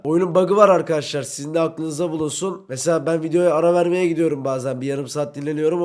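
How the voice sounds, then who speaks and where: A young man doing brash, excitable let's-play commentary, talking to himself and his in-game teammates while playing. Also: fairly high pitch. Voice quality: brash, excitable, swings between shouting and muttering. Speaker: gaming YouTuber.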